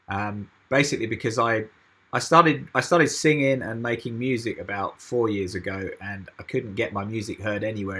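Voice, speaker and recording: A man with an English accent, a guest explaining his project in a casual online interview over browser voice chat, relaxed and hesitant with many ums. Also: lowish voice, husky. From United Kingdom. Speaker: guest, music label founder. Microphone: computer mic through browser voice chat.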